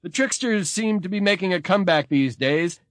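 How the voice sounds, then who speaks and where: A man giving a measured, expressive scripted narration as a narrator. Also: sits high, no echo.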